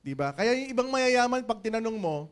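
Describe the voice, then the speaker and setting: A middle-aged man speaks on stage in a high, bright voice. His motivational business talk swings between loud, punchy jokes and quiet asides. He keeps pulling the crowd in with call-and-response. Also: big pitch swings, fairly quick. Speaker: company chairman giving a motivational business talk. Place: large event hall with an audience.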